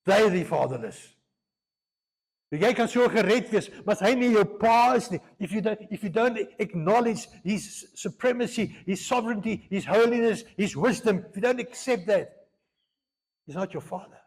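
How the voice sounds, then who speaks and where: Pastor preaching, fairly high voice, earnest, flips between afrikaans and english. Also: male voice, lively intonation, normal speed, breathy edge. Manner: switches between Afrikaans and English mid-sentence, earnest, repeats phrases. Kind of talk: sermon.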